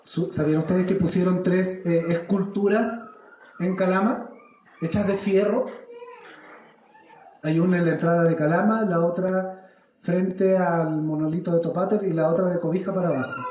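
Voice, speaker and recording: Animated preacher in an echoey church. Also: male voice, sits high, muffled recording, a little hiss or hum. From Chile. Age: 30s. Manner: animated storytelling, acts out his own prayers and questions the congregation. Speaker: pastor. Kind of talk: church sermon. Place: church service.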